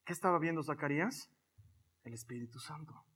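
A man preaching a lively sermon, acting out his own prayers and conversations as he speaks. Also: on the high side, brisk, husky. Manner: animated, acts out his own prayers and dialogue. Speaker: pastor.

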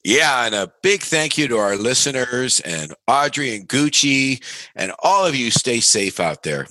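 Animated, bright-voiced male radio co-host. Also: medium pitch, measured pace, no room sound. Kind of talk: casual radio hosting.

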